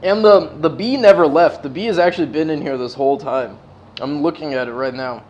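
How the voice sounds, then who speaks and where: This American streamer talks fairly quickly in a slightly high, a little mellow voice, captured with lo-fi sound. Relaxed and stoner-like, he hosts his casual livestream with plenty of slang and curses.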